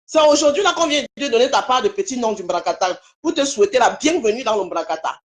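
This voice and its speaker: A woman's voice: a little high, lively intonation, fast talker. A woman appearing as a guest on a live stream, lecturing and scolding someone while repeating her points. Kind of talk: heated live stream commentary.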